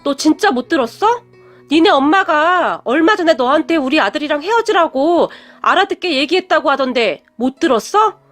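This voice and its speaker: A haughty, wealthy middle-aged mother sneers and scolds in a high, drawn-out voice, as a woman narrator puts her on. She looks down on everyone and lets each insult linger. Soft music plays underneath. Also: expressive. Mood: sneering haughty.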